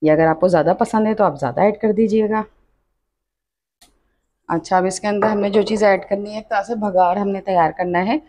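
In her home kitchen, a woman voices a step-by-step cooking tutorial for her channel, speaking a bit fast with warm tone, medium pitch, and fairly even intonation. Her delivery is chatty and explanatory, peppered with "achha" and "dekhiye."

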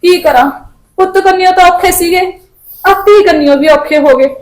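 A woman's voice: extremely high pitch, moderate pace, poor audio. A middle-aged woman playing a worried mother who soothes and pleads with her family. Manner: soothing, pleading, tearful at times. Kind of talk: family short film acting.

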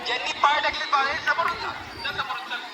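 A man starting races at a school sports meet, barking short hurried commands to students over a PA loudspeaker on an outdoor ground. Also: very high-pitched, crowd noise. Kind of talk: shouted instructions to students.

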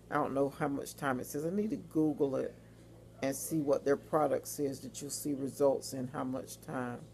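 A woman talks through her shopping finds in a loose, rambling chat. Her voice sits low and carries a gravelly fry. Faint noise hums under her home phone recording. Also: mellow. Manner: chatty, rambling, informal with fillers and asides. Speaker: vlogger. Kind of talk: casual haul video chat. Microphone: phone or webcam.

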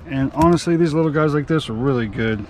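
This fishing channel host and charter captain speaks quickly in a slightly high, somewhat mellow voice. Out on his open boat, he chats casually and cheerfully with his audience, folksy as ever and calling them y'all. His action camera captures the engine and the water around him.

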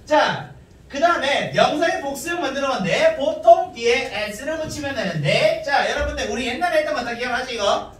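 High-pitched man teaching in an echoey classroom. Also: lively intonation, moderate pace, fairly bright tone. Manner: repetitive, quizzing students, many rhetorical questions. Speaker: middle school English teacher. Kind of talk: grammar lecture to students. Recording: echoey room, from far off.

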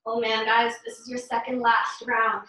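Speaking at a normal speed with little pitch movement, this young woman has a bright, forceful voice on the high side. She runs a home workout like an urgent, encouraging gym coach, repeating short commands and counts while exerting herself in her living room. The audio comes from a camera several metres away, so the indoor space rings with heavy echo.

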